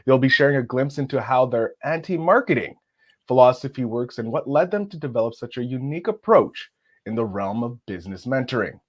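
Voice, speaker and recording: A man's voice: medium pitch, lively intonation, brisk, lo-fi sound. A male podcast host with a mid-range voice speaks in grandiose, enthusiastic phrasing. He reads his introduction as a showy script, then moves into the interview questions.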